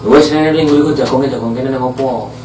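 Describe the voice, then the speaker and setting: Gruff, scolding old village mystic, put on by a male storyteller, pitched up and loud, recorded off-mic in an echoey room with music underneath. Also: moderate pace, far from the mic, background noise, close to an everyday voice. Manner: shouting, scolding.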